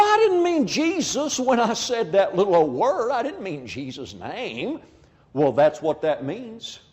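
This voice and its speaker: A man delivers a sermon at an unhurried pace, his pitch rising and falling widely as he acts out imagined exchanges. His voice sits a little higher than most men's. The sound carries a long, echoing hall reverb. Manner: animated, acts out imagined dialogues. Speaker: preacher.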